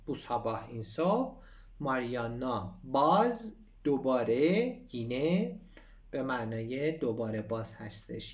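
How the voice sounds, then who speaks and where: A man with a background teaching Turkish in a relaxed online lesson. His voice is lively and animated, rising and falling a great deal. He reads the Turkish lines slowly and then explains them in easy, chatty speech. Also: medium pitch, recorded from a distance. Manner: switches between Persian explanation and slow Turkish reading.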